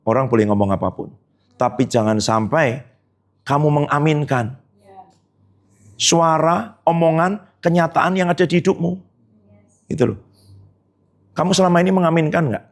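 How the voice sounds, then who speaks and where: A man preaching a Sunday sermon, his voice sitting a bit high for a man. He talks in a lively, conversational way, firing questions at the congregation and joking with them between points. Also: normal speed, long pauses. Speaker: pastor. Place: church hall.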